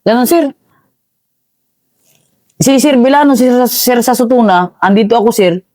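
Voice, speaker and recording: A man, an army veteran, recounting combat in a casual interview, halting and calling the host "sir" again and again. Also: very high voice, darkish tone, no room sound.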